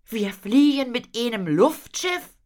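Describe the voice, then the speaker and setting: An eager young boy, high and excited, as a woman puts him on for a storybook. He blurts things out with wide-eyed enthusiasm. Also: slow.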